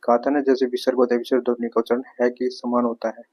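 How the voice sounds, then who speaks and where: Male teacher, Haryanvi-tinged, monotone, runs through exam questions methodically, repeats each answer. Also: medium pitch, quick pace, rough recording. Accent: Haryanvi-tinged Hindi. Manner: explains step by step, repeats answers, asks rhetorical questions. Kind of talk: exam prep grammar lesson.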